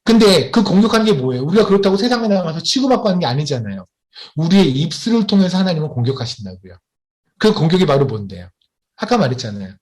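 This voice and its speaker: A man preaching a sermon as a missionary, who keeps asking his congregation questions and slows down to stress key points. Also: fairly high pitch. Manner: animated, asks the congregation questions often.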